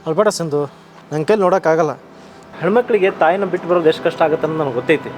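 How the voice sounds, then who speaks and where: Actor as gentle reassuring husband, North Karnataka accent, music bed. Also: male voice, a little high, rapid-fire, natural voice. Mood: soothing. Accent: North Karnataka Kannada. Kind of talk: short film acting.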